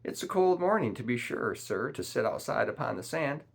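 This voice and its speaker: A man's voice: on the low side, lively intonation, normal speed. A man voicing a wily one-legged old pirate cook with a hearty, wheedling, mock-respectful manner. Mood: complaining.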